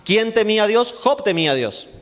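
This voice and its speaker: A man's voice: high-pitched, expressive, brisk, a bit bright. A male pastor teaching a Bible class sermon, asking rhetorical questions and answering them himself, with emphatic repetition. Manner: emphatic, repeating phrases for stress. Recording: long hall reverb.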